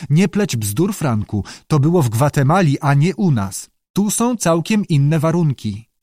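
A man's voice: a little high, big pitch swings, a little slow, a little mellow, no room sound, clean studio sound, pitched above the performer's own voice. A man doing a stubborn grumbling old father. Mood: scolding. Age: older. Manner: scolding, dismissive, later shaky and fearful. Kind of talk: audiobook character voice.

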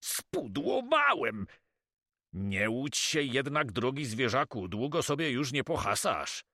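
A man voicing a loud, hot-tempered male pirate who blusters and swears by sharks in an audiobook. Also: medium pitch, very animated, slow, dry recording, clean studio sound, voice pushed up, exaggerated voice. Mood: furious. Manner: blustering, shouts sea-themed curses. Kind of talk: audiobook character voice.

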